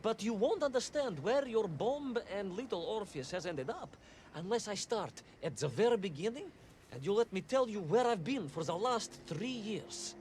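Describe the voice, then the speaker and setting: Stammering nervous explorer. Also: male voice, sits high, expressive, moderate pace, a little mellow, a little hiss or hum. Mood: placating. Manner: hesitant, stammering, evasive. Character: bumbling nervous male explorer reporting back. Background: game music.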